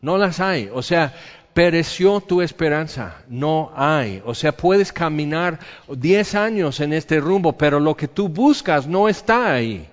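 A man preaching a sermon, swinging between loud emphatic lines and soft quiet ones. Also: fairly high pitch, lively intonation, a little slow, long reverb tail, lo-fi sound. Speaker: pastor.

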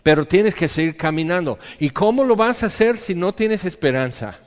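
A man preaching a sermon, swinging between loud emphatic lines and soft quiet ones. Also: high-pitched, lively intonation, normal speed, in a large hall, highs cut off. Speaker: pastor.

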